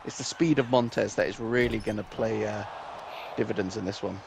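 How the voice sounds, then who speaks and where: A man's voice: fairly low pitch, fairly even intonation, fairly quick, vocal fry. A man doing casual, joking commentary on a wrestling video game, swearing and laughing often. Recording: noisy background hiss.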